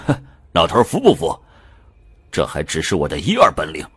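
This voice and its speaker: A man's voice: sits low, huge pitch swings, brisk, husky, no echo, exaggerated voice. A man voicing a cocky young male sorcerer who taunts in a smug tone.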